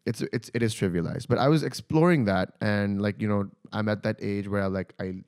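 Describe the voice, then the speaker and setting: Fast-talking man, low voice. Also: a little mellow, smooth. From Pakistani family from Karachi. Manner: halting, switches between English and Urdu. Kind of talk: personal storytelling in casual conversation.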